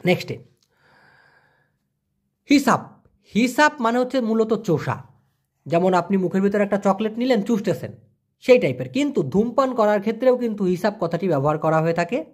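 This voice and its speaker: A man's voice: sits high, animated, normal speed, pauses often. A man giving a casual vocabulary lesson, repeating each word and explaining it with everyday examples. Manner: colloquial, chatty. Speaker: language teacher.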